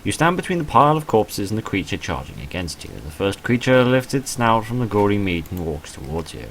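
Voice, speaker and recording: Reading a visual novel aloud for a gaming video, a low-voiced man alternates between the text and offhand remarks that are wry and self-deprecating. His delivery is sing-song and fairly quick, with noticeable background noise in the recording.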